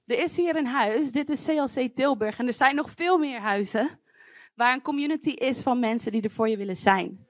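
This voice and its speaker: A woman's voice: high voice, moderate pace, no room sound, clean studio sound. A woman preaching a sermon to her congregation, earnest and pleading, speaking directly to her listeners.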